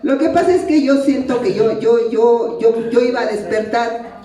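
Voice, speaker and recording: Woman with a Mexican accent, middle-aged, personal testimony at a meeting, blunt and salty, mellow dark voice, booming echo in a big hall. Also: normal speed, far from the mic. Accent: Mexican Spanish. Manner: frank, profane, laughs often while telling her story. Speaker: speaker sharing her testimony at a recovery meeting. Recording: very echoey hall, speaker off-mic, crowd murmur.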